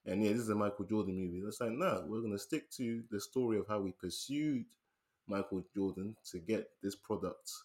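A British man co-hosting a film podcast, chatting casually and animatedly, laughing often and dropping to a low murmur. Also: fairly quick, darkish tone. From United Kingdom. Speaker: podcast co-host. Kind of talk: casual film review chat.

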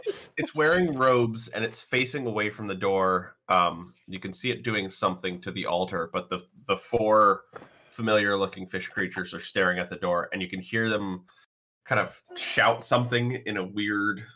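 A man's voice: lowish voice, normal speed, pushed and bright. A man narrating as game master of a tabletop game, hesitant with many fillers.

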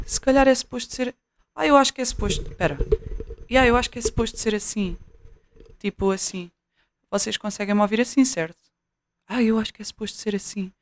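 A woman's voice: mid-range voice, a little mellow, no room sound. Young woman with european portuguese accent, casual vlog chat, scattered fillers and restarts, very dry close sound. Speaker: vlogger. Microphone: new cheap USB mic, placement shifting.

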